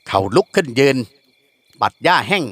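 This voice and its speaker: A man reading a classic novel aloud as an audiobook narrator, in a steady storytelling manner. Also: moderate pace, no echo.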